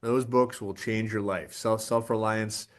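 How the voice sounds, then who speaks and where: A man presenting a leadership webinar in a casual, energetic, conversational way, often restarting his sentences. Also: on the low side, unhurried. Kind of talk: casual motivational talk.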